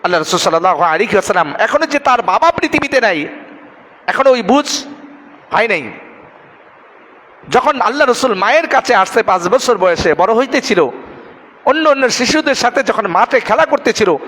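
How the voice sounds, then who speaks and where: A man's voice: extremely high pitch, animated, moderate pace, bright, forceful tone, long reverb tail. A man giving a Friday sermon, telling a story dramatically and acting out the characters' words. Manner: dramatic storytelling, acts out quoted speech. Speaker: preacher.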